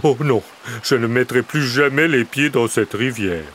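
A man's voice: medium pitch, moderate pace, a bit bright, slight background noise, voice pushed up, natural voice. A man voicing a timid, weepy little male bear cub in a storybook reading, with a plaintive, whiny tone.

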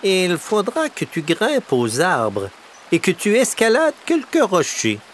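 A man voicing a clever, patient female crow in a storybook reading, slow and coaxing. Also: high voice, huge pitch swings, a little hiss or hum, voice pushed up, exaggerated voice.

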